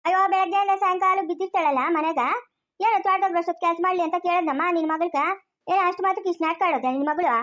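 Village woman w a rural chikkaballapur kannada accent, super high voice, scolding nonstop in a comic skit. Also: fairly even intonation, rapid-fire. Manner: quarrelsome, scolding back-and-forth. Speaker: village family skit performer.

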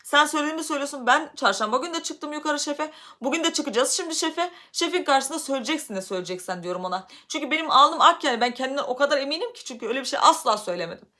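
A woman from Turkey telling a story casually to her vlog audience, animated, her voice getting loud when she is upset. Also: high voice, very fast, hardly any pauses. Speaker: vlogger.

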